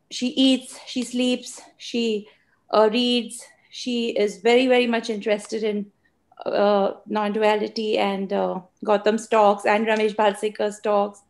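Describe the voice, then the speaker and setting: A woman sharing a personal reflection with a teacher, speaking hesitantly and earnestly with many pauses and fillers. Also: medium pitch, level tone. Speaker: participant sharing.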